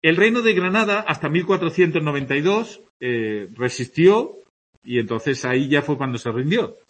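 A tired teacher from Andalusia, speaking with an Andalusian accent, gives a conversational classroom lecture on Spanish dialects and often checks in with his students. His voice is a little high, husky, and fairly bright, expressive and at a normal speed.

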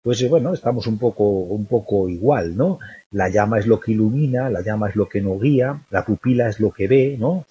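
A man's voice: on the low side, mellow, breathy edge. A man teaching a poetry lesson, thinking aloud and checking in with the listener after nearly every phrase. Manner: constant tag questions, thinking aloud. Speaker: literature teacher. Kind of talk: recorded lecture analyzing a poem. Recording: dull dry lo-fi recording.

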